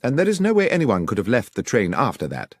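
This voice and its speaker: Audiobook gentleman sleuth, voiced by a man: precise, probing, commanding, very animated intonation. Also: mid-range voice, dry recording, studio quality, voice pushed up. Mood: brisk questioning. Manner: brisk, precise, questioning. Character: Sherlock Holmes, keen, commanding gentleman detective. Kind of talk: audiobook character voice.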